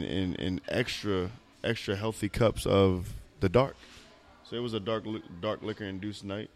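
A very deep-voiced man in his thirties hosting a laid-back podcast. He rambles and restarts, breaks into laughter often, and talks loudly and playfully. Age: 30s. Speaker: podcast co-host. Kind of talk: casual chat.

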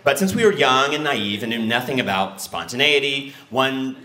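A man telling a personal true story in an animated, excitable way. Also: moderate pace, roomy sound. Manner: animated, excitable, acts out quotes with big pitch jumps.

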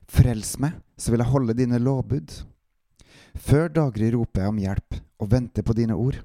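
A man hosting a devotional podcast, introducing a psalm and then reading it aloud in a calm, steady manner. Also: lowish voice, dry recording, studio quality.

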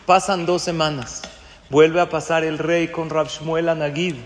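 A man gives a sermon as a rabbi, his voice pitched high. He asks his listeners questions and acts out the voices of the people in his story. The sound carries a long reverb, as if the class was recorded in a hall. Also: little pitch movement, unhurried, slight background noise.

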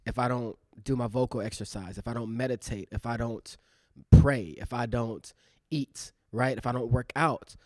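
Speaking at a moderate pace in a steady, mid-range voice, the thirty-something actor and podcast co-host wanders through a casual, reflective conversation packed with fillers. The sound is dry and clean, studio-grade.

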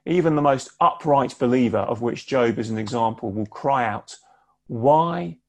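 A man giving a sermon online, speaking in a measured, conversational way with pauses for emphasis. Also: medium pitch. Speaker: preacher. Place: home, preaching online.

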